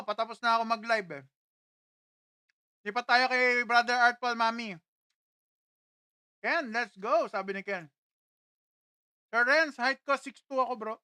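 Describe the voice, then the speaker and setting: A man's voice: very high-pitched, sharp tone, clear, resonant tone, dry recording, clean studio sound. A young Filipino man casually chatting on a livestream, reading out viewer comments and laughing often. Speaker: livestream host.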